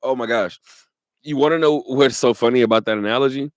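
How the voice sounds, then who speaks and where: A man hosting a sports radio talk show, talking in an animated way, laughing often and repeating his points. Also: mid-range voice, a little fast, no echo, clean studio sound.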